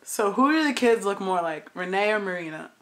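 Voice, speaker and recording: A woman's voice: mid-range voice, lively intonation, a little fast. A young woman filming a home video with her sister, chatting casually and playing at being a mock-serious parent. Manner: playful, mock-serious, laughs often. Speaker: student filming a home documentary. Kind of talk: casual home-video chat with mock-dramatic role-play. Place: home room. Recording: echoey room.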